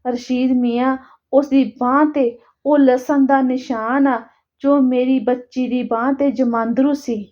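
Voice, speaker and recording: Woman reading a tearful father, begging, high voice, storybook reading. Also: steady tone, unhurried, dark tone, muffled recording. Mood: pleading. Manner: pleading, tearful. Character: Janta, pleading Sikh man, grieving father.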